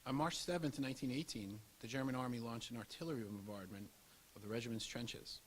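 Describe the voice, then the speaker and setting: A man with a medium-pitched voice reads a scripted historical documentary narration aloud at a fairly quick pace. The low-quality recording carries audible hiss and background noise.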